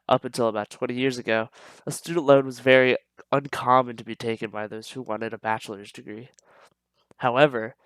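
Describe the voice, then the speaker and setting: A young man with a stuffed-up, slightly nasal voice, reading a prepared persuasive speech as a student, earnest and steady with small stumbles. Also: medium pitch, clean tone, no echo, rough recording.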